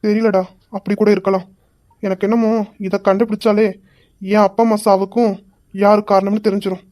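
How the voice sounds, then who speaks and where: A woman's voice: medium pitch, flat delivery, fairly quick, warm tone, pitched below the performer's own voice, close to an everyday voice. A woman playing a brooding young man. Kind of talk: amateur Tamil story drama.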